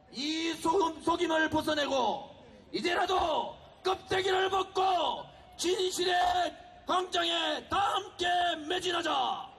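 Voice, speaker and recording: A man giving a fiery political speech at an outdoor street rally, shouting and exhorting the crowd. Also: very high-pitched, a little hiss or hum.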